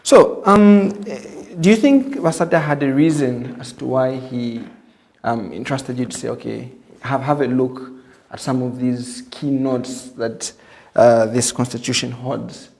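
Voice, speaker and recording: Male interviewer, medium pitch. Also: measured pace, gravelly, a little mellow. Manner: attentive, echoes the guest's words. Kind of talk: casual interview.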